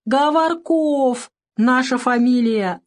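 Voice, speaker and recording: Brief: woman reading as a tearful hurt small boy, high and sobbing, storybook. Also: takes it slowly, darkish tone. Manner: sobbing, wailing. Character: crying hurt little boy, two and a half.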